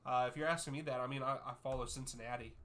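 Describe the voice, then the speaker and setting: A man's voice: mid-range voice, fairly even intonation, rapid-fire, fairly bright tone. A man in his thirties hosting a live soccer watchalong stream, reading viewer names and answering their questions in an easygoing way. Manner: easygoing, reads out chat names and answers at length.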